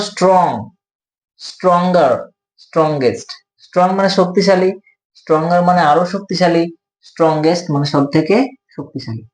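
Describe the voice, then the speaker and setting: A man's voice: high-pitched, a little mellow, roomy sound, poor audio. A man with a Bengali accent explaining English grammar, patient and repetitive, asking and answering his own questions. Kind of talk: explanatory lesson.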